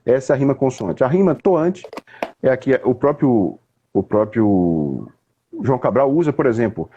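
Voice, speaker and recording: A Brazilian man with a mellow, slightly husky voice explains poetry in a relaxed conversation. He talks in an unhurried, teacherly way. He often restarts his phrases and tags them with "né?". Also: mid-range voice, dull audio. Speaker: poet explaining literature. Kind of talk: casual conversation.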